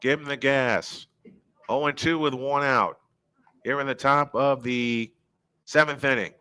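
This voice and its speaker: A man calls a high school baseball game pitch by pitch, his voice bright and cutting. He keeps it chatty and folksy, with an old-fashioned play-by-play rhythm and an easy sense of humor. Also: fairly even intonation, measured pace, smooth, dry recording. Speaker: play-by-play announcer.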